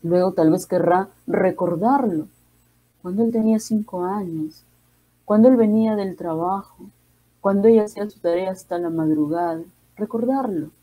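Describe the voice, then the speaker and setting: A woman psychiatrist with a Peruvian accent giving a calm, reflective talk, speaking gently and slowly with pauses. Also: medium pitch, phone-quality sound. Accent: Peruvian Spanish. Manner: gentle, slow, measured with pauses.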